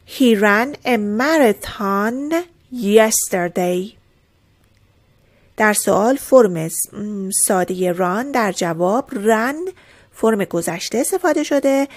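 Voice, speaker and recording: Woman teacher, mid-pitched, slow careful drills, calm explanations, plain lesson voice. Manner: repeats each word slowly and clearly, explaining calmly. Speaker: English teacher.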